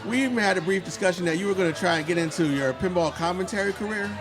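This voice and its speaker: A man speaking fast in a fairly high voice, friendly and agreeable as a guest on a stream. Music plays clearly behind him. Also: crowd noise. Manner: friendly, quick, chiming in with agreement. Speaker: guest game creator. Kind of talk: casual chat.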